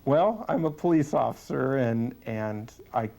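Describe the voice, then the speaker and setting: A man with a medium-pitched voice gives testimony as a police sergeant. He speaks in an earnest, deliberate way, answering interview questions plainly and matter-of-factly. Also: animated, creaky, dark tone.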